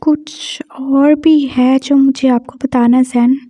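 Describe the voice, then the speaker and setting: A woman voicing a timid, tearful young man who pleads softly and anxiously. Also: sits high, steady tone, slow, dry recording. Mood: hesitant.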